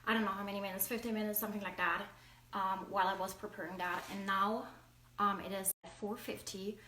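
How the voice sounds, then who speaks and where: A woman's voice: medium pitch, flat delivery, brisk, pushed and bright, slight background noise. German-accented woman cooking in an echoey kitchen. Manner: chatty, searching for English words. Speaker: cooking vlogger. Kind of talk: casual cooking demonstration. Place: home kitchen. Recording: echoey kitchen, mic at a distance, clattering dishes.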